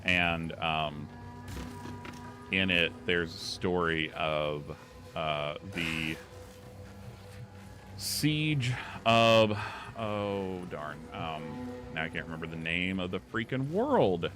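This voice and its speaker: Deep-voiced man rambling on a game stream. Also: lively intonation, extremely slow, long pauses, music in the background. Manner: rambling, filler-heavy, enthusiastic. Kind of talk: casual gaming livestream chat.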